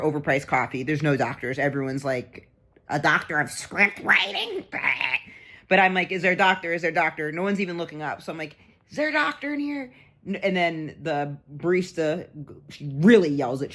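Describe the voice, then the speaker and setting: Rambling animated woman telling a story. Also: low voice. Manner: rambling, animated, acts out voices in her story. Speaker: comedian vlogger. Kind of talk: casual storytime vlog.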